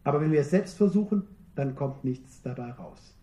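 High-voiced preacher in an echoey room. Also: male voice, animated, mellow. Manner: earnest, emphatic, slows down on key phrases. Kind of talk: sermon.

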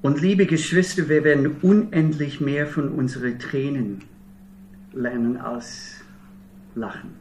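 Heard from afar in a spacious hall, this Minnesotan man in middle age delivers a German sermon with an American accent. His medium-pitched voice is a little slow and mellow, his stories earnest and dryly funny, with a faint hiss or hum.

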